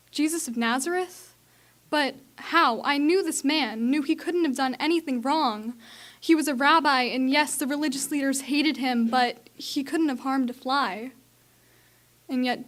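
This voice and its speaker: A woman's voice: high voice, close to an everyday voice. A young woman playing an onlooker in the crowd, telling it earnestly. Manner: earnest, shouting at times. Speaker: student actor.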